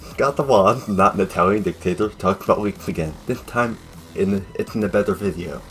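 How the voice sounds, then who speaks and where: Young male fan reviewer, low voice, rambling jokey delivery, faint music underneath. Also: fairly quick. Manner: jokey, rambling, sudden loud outbursts. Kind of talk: casual video review narration.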